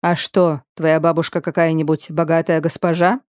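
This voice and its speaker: A woman's voice: low-pitched, level tone, a little mellow, smooth, dry recording, studio quality, close to an everyday voice. A woman voicing a harsh, angry young master. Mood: suspicious. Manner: slow, clipped, menacing questioning.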